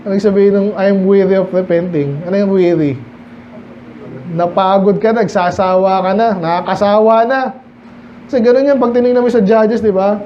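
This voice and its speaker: High-voiced pastor, dull lo-fi recording. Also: male voice, steady tone, normal speed, slight background noise. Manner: explains English verses in conversational Filipino, rhetorical questions. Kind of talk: midweek Bible study sermon. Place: church.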